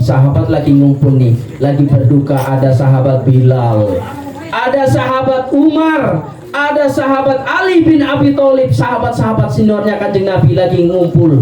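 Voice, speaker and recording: A man, telling a story in an animated, dramatic sermon. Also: high voice, recorded from a distance. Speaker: Islamic preacher. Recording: roomy, dull lo-fi recording.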